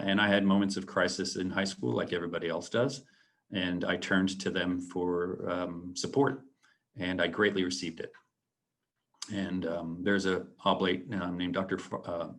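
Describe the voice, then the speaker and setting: A man in his late forties speaks to a school audience about his path and what he learned. His voice sits low. He talks earnestly but haltingly, filling pauses with ums and restarting sentences. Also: a bit bright. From San Antonio, Texas. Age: late 40s. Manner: earnest, reflective. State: a little choked up. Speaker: alumnus guest speaker. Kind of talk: presentation to students.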